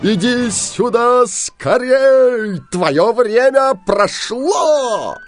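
A man voicing Bluebeard, a cruel, tyrannical husband who bellows slow, drawn-out threats in a storybook tale. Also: very animated, faint music behind. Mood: shouting. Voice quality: booming, shouting, drawn-out threats.

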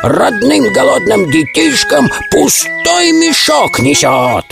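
A shrill, spiteful crow scolds at a high pitch, as a man puts her on. Her voice is gravelly and her pitch jumps all over. Music plays behind her. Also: huge pitch swings, slow pace, exaggerated voice. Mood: scornful.

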